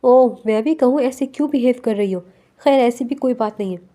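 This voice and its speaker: A woman voicing a male office boss in a read-aloud novel, in a softly coaxing voice. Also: fairly high pitch, moderate pace, natural voice. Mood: menacing. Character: male office boss, caring then menacing.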